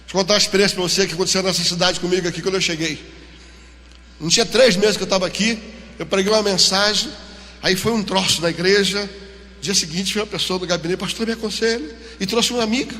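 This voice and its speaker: A man's voice: high voice, quick pace. A man with a Brazilian Portuguese accent preaching a sermon in a church, acting out dialogue as he tells stories. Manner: animated storytelling, acting out dialogue. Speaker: pastor. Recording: long church hall reverb.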